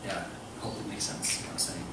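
A male musician stumbles through an informal lecture, explaining to an audience seated in an indoor club room. His stage mic is heard through speakers and recorded from a distance, producing an echoey, noisy hall sound.

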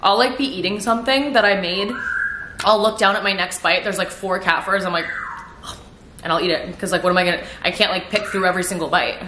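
A young woman vlogging at home, rambling through animated stories with lots of swearing and filler words. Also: on the low side, fairly quick, background noise. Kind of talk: casual vlog chat. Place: at home in her apartment. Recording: roomy, echoey room.

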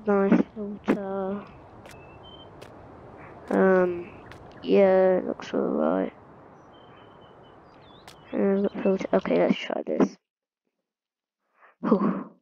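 Slow, gravelly-voiced woman muttering. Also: mid-range voice, expressive, muffled recording, a little hiss or hum. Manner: muttering to herself, halting. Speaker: gameplay commentator. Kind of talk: casual gameplay commentary.

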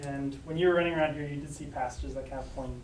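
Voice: mid-range voice, fairly even intonation, fast talker. Rambling game master in an echoey room. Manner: rambling, hesitant, full of fillers. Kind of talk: narrating a tabletop game. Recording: echoey room, faint noise.

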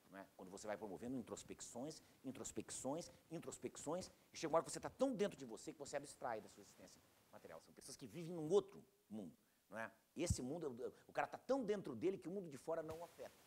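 Lively, quick-talking husky male teacher. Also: medium pitch, slight background noise. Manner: animated, acts out quoted people in a raised voice; keeps asking the class "não é verdade?". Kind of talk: classroom lecture. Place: classroom.

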